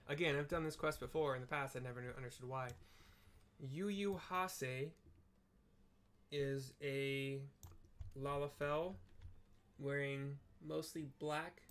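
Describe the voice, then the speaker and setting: A gaming video creator with a voice on the high side and a bit bright casually narrates a game playthrough. He describes what's on screen, adding offhand, muttered asides.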